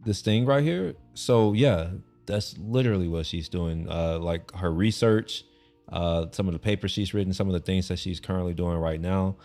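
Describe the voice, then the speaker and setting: Faint music plays behind this young Texan streamer as he talks at a normal speed in a low, somewhat mellow voice. His livestream chat is casual and meandering, full of restarted sentences and easygoing swearing.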